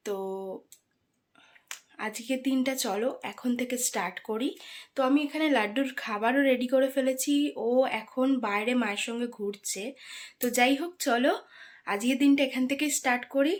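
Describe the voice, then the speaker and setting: A woman's voice: high-pitched, moderate pace, dry recording. A young woman with a Bengali accent, chatting casually through a daily vlog, filling her talk with "so". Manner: chatty, filler-heavy, keeps saying "so". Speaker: vlogger. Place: home and outdoors on streets and by the river.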